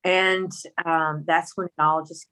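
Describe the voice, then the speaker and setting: A middle-aged woman from rural Mississippi speaks with a Southern country accent in a lowish, flat, slow voice with a sharp edge. As a guest, she tells her personal story in a folksy, candid, emphatic way.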